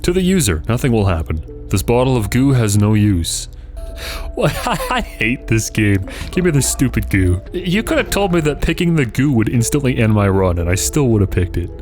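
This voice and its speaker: A man's voice: medium pitch, big pitch swings, normal speed, a little mellow, soft background music. A man hosting a gaming video, thinking aloud in casual, reactive commentary.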